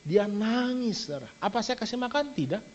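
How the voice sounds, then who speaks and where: A middle-aged man preaching a lively sermon as a pastor, often turning to his listeners to address them directly. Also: high-pitched, a little fast. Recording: dull lo-fi church stream.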